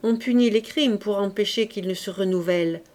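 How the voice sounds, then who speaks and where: A woman reading the lines of a witty court duchess in a calm, ironic way. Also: medium pitch, moderate pace, close to an everyday voice.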